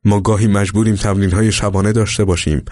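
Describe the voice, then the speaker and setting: A man's voice: on the low side, fairly even intonation, darkish tone, dry recording, studio quality, lightly acted. A man voicing an earnest male military commander giving instructions to his troops in a storybook reading.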